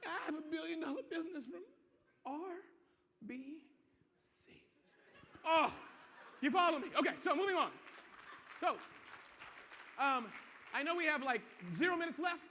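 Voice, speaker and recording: A man giving an interactive business seminar to a live audience, energetic and constantly checking that people follow him. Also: very high voice, a little slow, long pauses, a faint crowd, a little hiss or hum. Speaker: seminar presenter. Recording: muffled, echoey hall.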